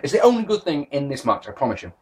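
A man's voice: medium pitch, sing-song, rapid-fire, darkish tone, breathy edge. A British man in his thirties giving a sarcastic, sweary wrestling review to a webcam in his bedroom. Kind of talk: casual video review. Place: bedroom with posters, indoors.

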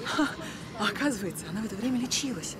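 Actress doing a strong-willed hurt mom in a tv drama, curt, talks fast, street noise behind. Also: female voice, medium pitch, animated, close to an everyday voice. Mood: angry, hurt. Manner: curt, reproachful. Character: hurt, strong-willed woman, mother of a teenage girl. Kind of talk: naturalistic screen drama acting. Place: outdoors at a bus station. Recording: clear outdoor traffic noise.

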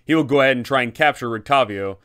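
He talks fast in a mid-range, slightly bright voice. A man in his thirties, he hosts a guide explaining a tabletop adventure and gives game masters advice emphatically and methodically.

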